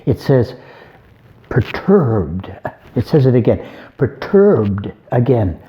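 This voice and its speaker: A man's voice: medium pitch, big pitch swings, slow pace, muffled recording. A man, an abbot, giving an informal homily on a Gospel reading, conversational and folksy, with joking asides.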